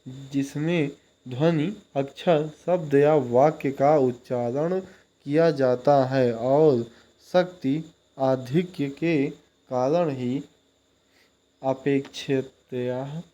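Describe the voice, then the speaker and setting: Male tutor, unhurried and soft-toned, keeps checking if you follow. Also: mid-range voice. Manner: explains step by step, checks in with "ठीक?" often. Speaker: teacher. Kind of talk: exam-prep lecture.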